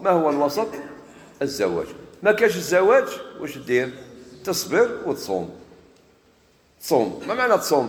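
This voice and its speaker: A man with an Algerian accent preaching a sermon, moving between solemn scripture recitation and lively everyday dialect. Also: medium pitch, reverberant, in a large hall. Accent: Algerian Arabic. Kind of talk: sermon mixing classical Arabic and dialect.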